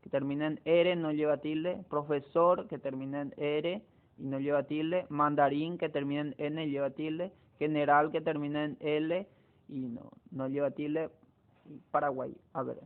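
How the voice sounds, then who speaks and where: A man's voice: on the high side, steady tone, unhurried, clean tone. Man teaching a spelling lesson over a tinny line. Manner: explains step by step, with frequent hesitations and restarts. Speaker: Spanish teacher. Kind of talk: classroom lesson on spelling rules. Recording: tinny phone-like recording.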